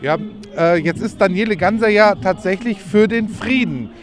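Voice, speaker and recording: A man's voice: high voice, moderate pace, faint music behind. A man working as a reporter, asking direct, probing questions in a street interview.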